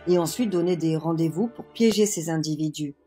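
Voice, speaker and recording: A woman's voice: sits low, brisk, warm tone, soft background music. A woman reading scripted news narration.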